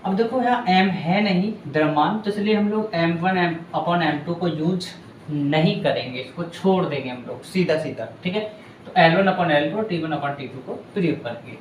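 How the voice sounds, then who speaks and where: A man with a fairly high voice explains a physics problem step by step, in a patient and chatty way that keeps checking in with his students. The room is roomy and echoey, with a faint hiss of noise underneath. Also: normal speed, muffled recording. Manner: patient, chatty, addresses students as bhaiya and beta. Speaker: physics teacher. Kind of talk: board lesson explaining a numerical.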